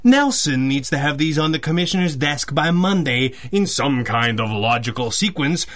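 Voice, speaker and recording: An actor playing a gruff, sardonic police lieutenant in old-time radio style, a wry, hard-boiled 1930s beat cop full of slang. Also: male voice, on the high side, fairly bright tone. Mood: exasperated. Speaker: police homicide lieutenant in a detective radio drama.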